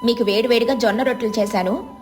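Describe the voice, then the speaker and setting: A woman voicing a stubborn, resentful young wife who snaps and complains quickly. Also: on the high side, fairly even intonation, close to an everyday voice.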